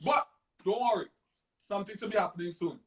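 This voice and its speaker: A man's voice: sits high, brisk, fairly bright tone, rough recording. A man from Trinidad and Tobago, a musician guest talking in a playful, enthusiastic, casual interview chat over a phone live stream. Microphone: phone on a live video stream.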